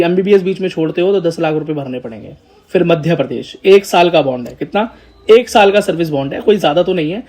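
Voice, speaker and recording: Brief: male host-educator, chatty and informal, slightly high voice. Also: a little mellow. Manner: chatty, addresses viewers as brother and child. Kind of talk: casual explanatory talk to students.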